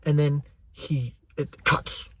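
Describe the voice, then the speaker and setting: Excitable young man rambling as a fan. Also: fairly high pitch, slow, slightly rough. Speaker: channel host. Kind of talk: casual chat.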